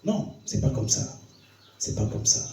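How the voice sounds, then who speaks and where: A man preaching as a pastor, telling a story in a sermon, his voice dropping low and hushed, then climbing high and excited. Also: measured pace. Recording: roomy hall, voice from far off the mic.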